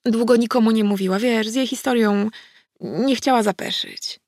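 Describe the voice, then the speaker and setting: A woman voicing a cheerful, slightly tipsy female friend in an audiobook, with a lively, bubbly manner. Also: a little high, moderate pace, no echo, studio quality, pitched above the performer's own voice, close to an everyday voice. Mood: serious. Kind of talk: audiobook character voice.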